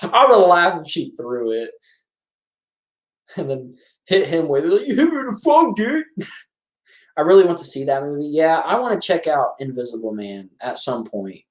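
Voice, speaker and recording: A man's voice: on the high side, lively intonation, normal speed. A man hosting a casual live-stream movie commentary, chatty and rambling, often correcting himself as he talks. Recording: roomy echo.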